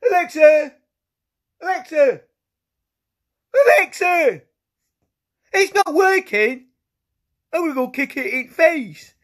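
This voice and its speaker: Pat the Potato: a squeaky, hyper potato who yells and rambles. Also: male voice, sing-song, takes it slowly, pauses often, full character voice. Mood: excited. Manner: shouty, rambling, stumbles over words. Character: silly talking potato, childish and excitable. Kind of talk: comic vlog sketch.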